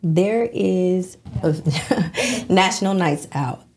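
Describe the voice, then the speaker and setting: A woman's voice: fairly low pitch, takes it slowly, darkish tone. A woman hosting a community radio interview, chatty, asking questions and laughing easily. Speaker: radio host.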